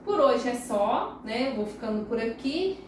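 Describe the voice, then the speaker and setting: A woman's voice: fairly high pitch, animated, measured pace, a little hiss or hum. A woman teacher with a Brazilian Portuguese accent giving a recorded lesson for young children, patiently drawing words out syllable by syllable. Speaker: primary school teacher. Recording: very echoey room, voice far from the mic.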